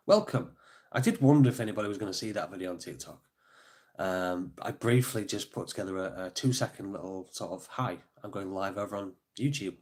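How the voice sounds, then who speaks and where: A lowish, darkish-toned voice belongs to a middle-aged man running an informal live stream. Congested and sniffling, he rambles chattily with many fillers and thanks people in the chat by name.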